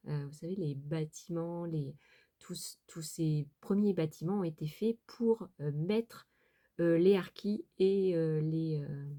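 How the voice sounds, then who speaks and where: Low, mellow-voiced chatty French woman. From France. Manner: hesitant, many fillers and restarts, chatty asides. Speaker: sewing and crafts vlogger. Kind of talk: casual chat to viewers.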